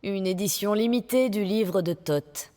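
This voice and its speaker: A woman's voice: mid-range voice, unhurried, dark tone, close to an everyday voice. An actress playing a playful, bookish young female sorceress in a French video game dub, talking with a teasing lilt.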